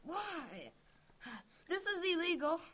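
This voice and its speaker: A woman's voice: very high-pitched, sing-song, takes it slowly, sharp tone, full character voice. A woman playing a suspicious teenage schoolboy who yelps and protests in alarm. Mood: frantic.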